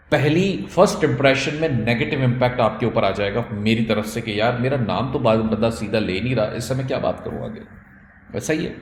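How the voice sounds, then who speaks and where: A man's voice: mid-range voice, roomy sound, slight background noise. A man with a Pakistani accent, an ecommerce trainer giving an instructional talk, mixing English phrases into his explanations and acting out example pronunciations.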